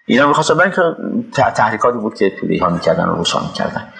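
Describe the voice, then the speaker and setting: An older man from Iran recalling his past work in a halting interview, with pauses and restarts. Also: lowish voice, sing-song, vocal fry, fairly bright tone, slight background noise, poor audio. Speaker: interviewee recalling his time as a city official. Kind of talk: reminiscing interview.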